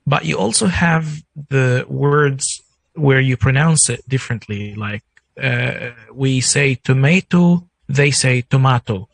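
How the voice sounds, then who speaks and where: A man's voice: medium pitch, gravelly, dry recording, low-quality recording. A man whose first language is Arabic, a guest explaining points with careful examples in a discussion. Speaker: guest speaker.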